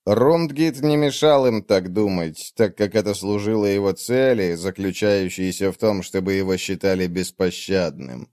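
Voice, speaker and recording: Low-voiced man reading a story. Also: normal speed, few pauses, darkish tone, dry recording, studio quality. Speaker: narrator. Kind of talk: scripted audiobook narration.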